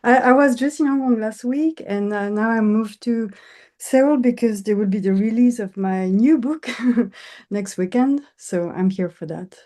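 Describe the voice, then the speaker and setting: A woman's voice: a little high, unhurried, mellow. A woman from Switzerland, an English speaker, answering interview questions as an architect and professor, hesitant with many fillers. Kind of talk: interview conversation.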